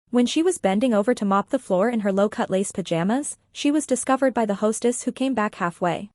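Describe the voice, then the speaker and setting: A woman narrating an audiobook story in the first person, in an even, matter-of-fact manner. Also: mid-range voice, dry recording, clean studio sound.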